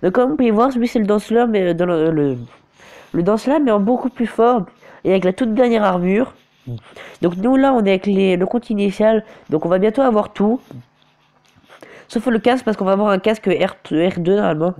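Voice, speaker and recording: This mobile game commentator is hesitant and nursing a cold and sore throat, frequently restarting and fixing what he says. His casual commentary, captured by a phone screen recorder, comes in a high-pitched, slightly fast, somewhat mellow voice.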